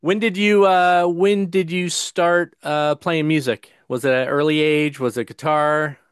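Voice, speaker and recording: An American man hosting a casual interview, asking halting questions with fillers. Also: fairly high pitch, fairly even intonation, smooth, no echo, studio quality. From United States.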